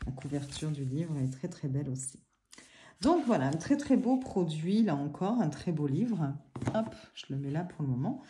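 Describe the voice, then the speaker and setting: A woman with a mellow, low-pitched voice talks through an oracle book and cards in her living room. She chats casually, filling pauses and apologizing now and then. She sounds like she is speaking to a camera on a tripod. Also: lively intonation, slight background noise. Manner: chatty, many fillers and apologies. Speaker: oracle card reviewer. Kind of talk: casual product review.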